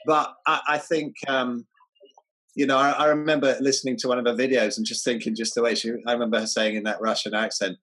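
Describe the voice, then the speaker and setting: A man's voice: medium pitch, level tone, fast, fairly bright tone, low-quality recording. A man talking as an interview guest, enthusiastic, stumbling over false starts and repeated words. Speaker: guest, health writer. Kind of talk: casual interview chat.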